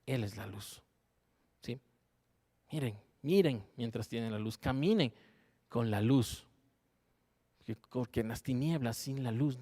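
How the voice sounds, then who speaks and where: A man's voice: medium pitch, a little mellow. A man leading a Bible study sermon, reading scripture verses aloud, explaining them and checking in with his listeners by asking "¿sí?". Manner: checks in with listeners with a frequent questioning "¿sí?".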